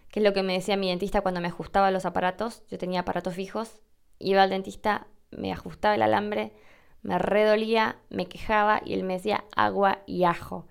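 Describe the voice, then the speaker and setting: A woman's voice: mid-range voice, gravelly, clear, resonant tone. Chatty woman podcaster. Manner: chatty, joking, animated delivery. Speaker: podcast host. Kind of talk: casual podcast monologue, reading a listener email.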